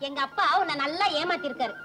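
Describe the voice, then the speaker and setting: A woman's voice: high-pitched, quick pace, over a noisy crowd, close to an everyday voice. An actress playing a spirited young woman in an old film comedy, teasing and coaxing her bashful suitor. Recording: old film soundtrack with loud music.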